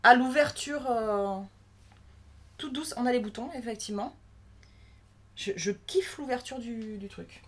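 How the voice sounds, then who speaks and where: A woman's voice: fairly high pitch, a little slow, pauses often, fairly bright tone. A woman from France giving casual, chatty unboxing commentary, thinking aloud as she handles a new crafting machine. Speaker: crafting vlogger.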